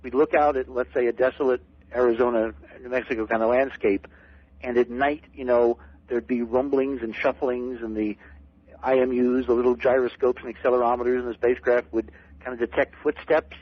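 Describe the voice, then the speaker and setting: A middle-aged man, a guest on a late-night radio show, telling stories excitedly and repeating words as he gets going. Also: medium pitch, brisk, husky, no echo. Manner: excited storyteller, repeats words when starting. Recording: dull lo-fi radio broadcast.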